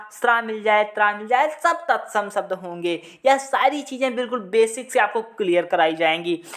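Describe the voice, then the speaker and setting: A woman with a fairly high voice teaches an exam-prep lesson. She keeps posing questions and answering them herself, drilling the same points over and over, and stretches syllables slowly when she spells out sounds. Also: a bit bright. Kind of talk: classroom lesson.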